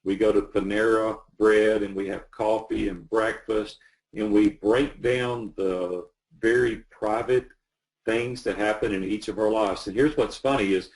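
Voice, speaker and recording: A man's voice: on the low side, steady tone, a little slow, poor audio. A man working as a business coach, talking earnestly and with animation as he tells stories in a casual interview.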